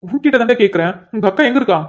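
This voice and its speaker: A man playing a lovesick cop in a cartoon story, pleading and stumbling over his words. He speaks high and rapid. The recording is dull and lo-fi. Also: animated. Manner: pleading, stammering when upset. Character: anxious lovesick police officer, brother-in-law. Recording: dull lo-fi sound.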